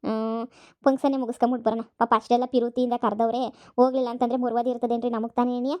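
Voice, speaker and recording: A woman's voice: a little high, flat delivery, fast talker, darkish tone, natural voice. A woman voicing a young village wife and daughter in a cartoon comedy. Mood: agreeable.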